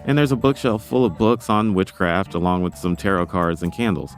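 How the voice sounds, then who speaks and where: A man's voice: low-pitched, fairly quick, faint music behind. A man from North Carolina hosting a narrated documentary podcast, telling it with wry, self-deprecating humor. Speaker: podcast host.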